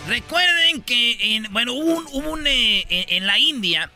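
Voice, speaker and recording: A man's voice: extremely high pitch, lively intonation, normal speed, pushed and bright, faint music behind. A man with a Mexican accent hosting a comedy radio show. He tells the news stories as rambling jokes, stumbling and repeating words as he goes. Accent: Mexican Spanish. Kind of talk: joking radio banter.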